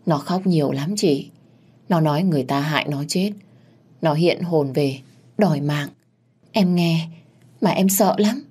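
A woman's voice: low voice, measured pace, pauses often, darkish tone, slightly rough. A woman playing a cunning young wife feigning fear. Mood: fake dread.

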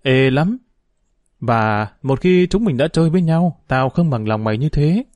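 A man's voice: mid-range voice, animated, moderate pace, darkish tone, no room sound, natural voice. A man voicing an earnest poor boy.

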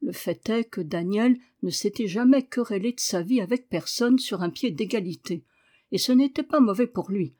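A woman reads a children's novel aloud, keeping to a measured, even storytelling pace. Her pitch sits in a plain middle range. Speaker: audiobook reader. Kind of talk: scripted narration.

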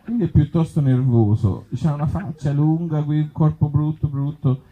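At a live outdoor festival event, a man reads his own absurd short stories to an audience, breaking off for conversational, self-deprecating asides. His voice is fairly high and narrow at a moderate pace, and the audio sounds tinny.

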